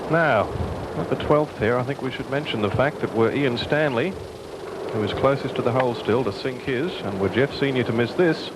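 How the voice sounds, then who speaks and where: A man's voice: mid-range voice, normal speed. A man anchoring live television golf commentary. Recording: loud outdoor ambient noise.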